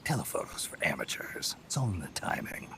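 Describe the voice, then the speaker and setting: A very deep, gravelly voice kept to a low whisper, a terse covert operative in a video game. He answers in short, dry lines. There is fry under almost every word he says. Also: very animated, brisk, exaggerated voice. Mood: hushed.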